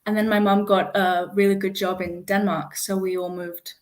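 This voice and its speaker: A young woman in her late teens answers interview questions with a medium-pitched voice. She sounds modest and easygoing, with a relaxed, friendly way of talking. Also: moderate pace. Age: young adult. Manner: modest, easygoing, laughs lightly. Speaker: guest singer-songwriter.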